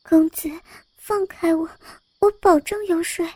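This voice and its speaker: A woman's voice: very high-pitched, fairly even intonation, measured pace, darkish tone, dry recording, voice pushed up. A woman doing a bashful, stammering young maid. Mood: bashful pleading. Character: shy young maidservant, bashful and pleading. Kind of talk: storybook role-play.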